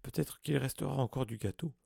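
A man's voice: mid-range voice, a little fast, creaky, mellow, husky, no echo, clean studio sound. A man voicing a cold, hungry, fed-up schoolboy who mutters, in a storybook reading. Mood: glum.

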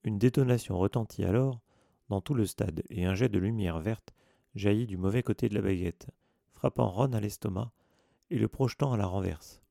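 A man narrating an audiobook with a steady storytelling read. His voice is low and heavily gravelly. The sound is dry and close. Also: normal speed, no room sound.

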